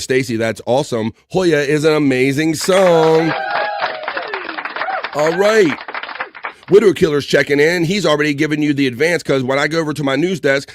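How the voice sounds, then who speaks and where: A man with a higher-pitched voice hosts a live stream, casually reading viewer comments aloud and joking with his audience. He's upbeat and playful and shouts out viewers by name, with background noise audible.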